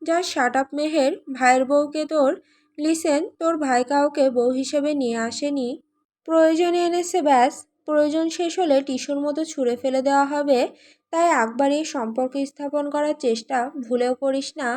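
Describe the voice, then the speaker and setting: A woman's voice: high-pitched, steady tone, moderate pace, lightly acted. A woman reading an audio story, voicing a stern, commanding young man who scolds his younger sister. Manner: sharp, scolding.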